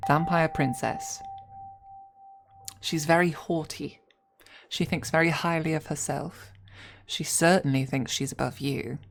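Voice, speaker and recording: A young adult woman streaming, chatting casually and thinking out loud as she plans a role-play with her chat, laughing often and swearing freely. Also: deep voice, fairly even intonation, a little slow, vocal fry. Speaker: ASMR streamer.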